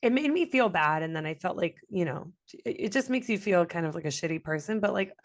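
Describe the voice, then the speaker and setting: Animated young woman telling a story. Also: lowish voice, quick pace. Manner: animated, swears freely, acts out quotes loudly. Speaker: podcast co-host. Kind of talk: casual chat, storytelling.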